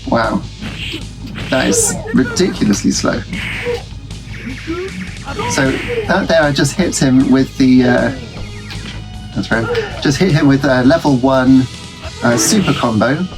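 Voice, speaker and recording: Stuffy with a cold, a male retro gaming channel host chats casually while playing, his medium-pitched voice swooping wildly. He talks slowly with long pauses, rambling through ums and restarts, while game music plays in the background of this rough recording.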